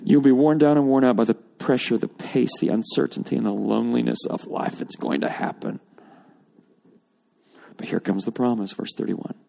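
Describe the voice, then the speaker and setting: A man delivers an expository sermon in a church, walking his listeners through scripture line by line. His voice has a gravelly edge, and he builds emphasis on repeated phrases before dropping back to a quieter, more reflective tone. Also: mid-range voice, fairly even intonation, normal speed. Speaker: pastor. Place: church or auditorium with congregation.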